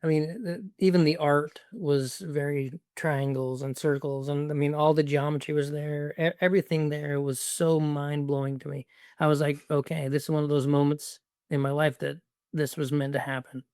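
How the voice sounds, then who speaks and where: A man hosting a casual conversation, telling stories in an animated way and laughing easily. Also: a little high, clean tone, dry recording, studio quality. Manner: animated storyteller, quick to laugh. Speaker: host.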